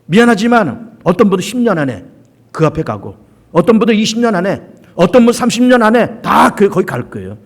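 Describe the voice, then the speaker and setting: A man's voice: high-pitched, very animated, a little fast. A male pastor preaching a sermon, stressing points by repeating them and asking rhetorical questions. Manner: emphatic repetition and rhetorical questions.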